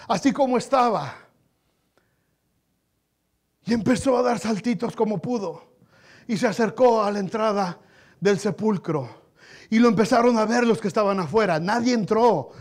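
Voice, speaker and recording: High-voiced man preaching with passion. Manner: impassioned preaching, swinging from hushed to loud; addresses listeners as brothers. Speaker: pastor. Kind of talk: sermon.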